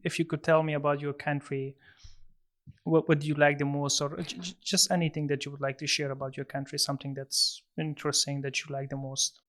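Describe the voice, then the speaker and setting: A podcast host interviews a guest, politely encouraging him and asking questions in long strings. The man's voice is on the high side and fairly bright, with a flat, fairly quick delivery.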